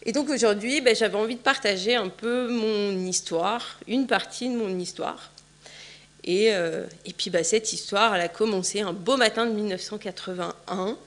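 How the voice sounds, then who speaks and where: Speaking at a normal speed with a medium pitch, this conference speaker from France is in her forties. She addresses a large hall in a chatty way, using lots of fillers.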